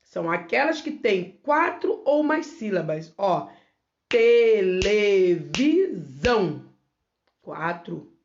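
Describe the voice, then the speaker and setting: Slow, gravelly-voiced woman teacher. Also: medium pitch, very animated, highs cut off, slight background noise. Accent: Brazilian Portuguese. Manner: slow, syllable-by-syllable word demonstrations. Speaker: primary school teacher. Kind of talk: remote lesson for young children.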